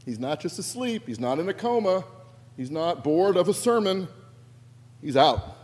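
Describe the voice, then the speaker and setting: Pastor preaching in a reverberant sanctuary. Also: male voice, high-pitched, moderate pace. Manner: animated storytelling with quoted voices and humor. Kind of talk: sermon. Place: church sanctuary. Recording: long reverb of a church sanctuary.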